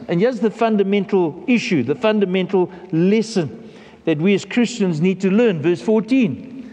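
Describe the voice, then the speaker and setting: A man with a notably high voice delivers a sermon in a church. He preaches earnestly and with emphasis, stumbling and repeating words as he drives his points home. A long reverb trails after his words. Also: darkish tone. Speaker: pastor.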